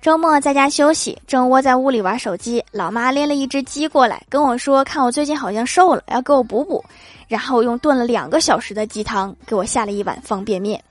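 A woman's voice: high voice, brisk, soft background music. Playful woman reading comedy jokes. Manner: playful storytelling, laughing at her own punchlines. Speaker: host of a comedy joke podcast. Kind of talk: reading jokes with acted quotes.

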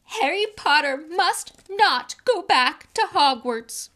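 A woman voicing a tiny, servile male house-elf with a squeaky, strained, trembling voice, who talks about himself in the third person and pleads fervently. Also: expressive, takes it slowly, a bit bright, heavily acted. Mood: pleading.

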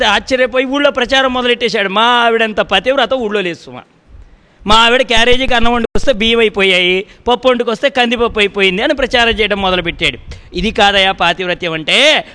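A man's voice: extremely high pitch, sharp tone, in a large hall. A man with a Telugu accent giving a devotional discourse, telling village stories in a folksy way and acting out their dialogue. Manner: folksy storytelling, acts out village dialogue, addresses listeners politely. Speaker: religious discourse speaker. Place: discourse hall.

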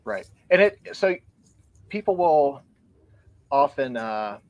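In a muffled recording with no echo, a podcast guest speaks slowly in a mid-range, sing-song voice. He earnestly explains his view in casual discussion, reading from his show notes and sounding slightly out of breath.

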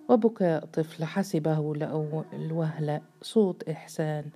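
Low, dark-voiced woman reading a novel. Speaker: narrator. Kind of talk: scripted narration of a novel.

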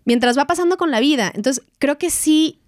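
A woman's voice: high voice, animated, moderate pace, no echo. Frank woman, dry close sound. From Mexico. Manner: frank, earthy, slangy. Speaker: podcast co-host. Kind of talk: casual chat.

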